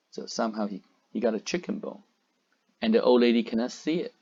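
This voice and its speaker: A man's voice: mid-range voice, moderate pace, darkish tone. A man reading a storybook aloud for children, stopping to explain words and point at the pictures. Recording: dull lo-fi recording.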